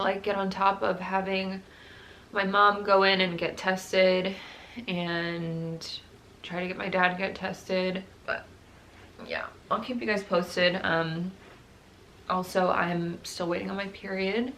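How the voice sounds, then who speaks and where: Young woman vlogger, candid and rambling, some vocal fry, phone mic with faint background noise. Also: medium pitch, fairly bright tone. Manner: candid, rambling, self-reflective. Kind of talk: personal video diary. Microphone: phone camera.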